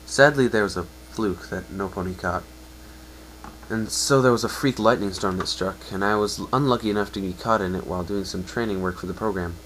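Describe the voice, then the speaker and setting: In a fan-fiction reading, a man plays a young, downcast pegasus with a low-pitched but fairly bright voice. Earnest and regretful, he speaks haltingly and blames himself, acted lightly. The rough recording carries faint noise.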